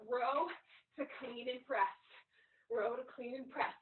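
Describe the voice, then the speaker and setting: Female fitness coach, high voice, rallying pep-talk delivery with clipped commands; roomy, distant-miked sound. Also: steady tone, slow. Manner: urgent, encouraging cheerleading with short commands and whoops. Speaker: fitness instructor leading a live online workout class. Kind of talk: motivational workout coaching, like a halftime pep speech. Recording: echoey room, far from mic, thin phone-like sound.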